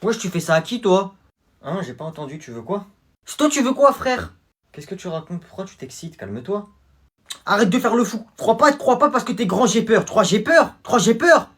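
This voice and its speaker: A man's voice: sits high, sing-song, moderate pace, a bit bright. A man performing comedy sketches, switching between a teacher, a guard and cheeky teenagers. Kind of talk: comedy sketches, playing several roles.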